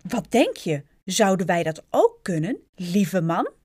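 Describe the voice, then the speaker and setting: A woman's voice: on the low side, big pitch swings, slow, darkish tone, breathy edge, heavily acted. A woman reading aloud and voicing a panicky little wife who has been turned tiny and winged, squealing and sobbing her lines. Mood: coaxing. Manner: squealing, sobbing and crying out in alarm.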